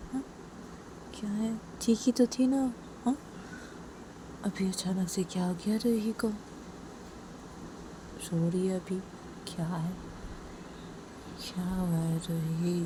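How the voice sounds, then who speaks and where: A woman's voice: medium pitch, background noise, lightly acted. A woman voicing an anxious young woman who keeps coaxing her crying partner with repeated questions.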